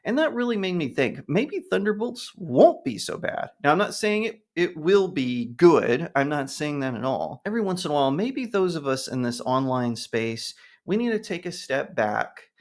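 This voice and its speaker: A man talking casually to camera, giving his opinions on films and telling an anecdote in an animated way. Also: on the high side, normal speed. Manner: animated storytelling, acts out other people with a raised voice. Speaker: YouTube commentator.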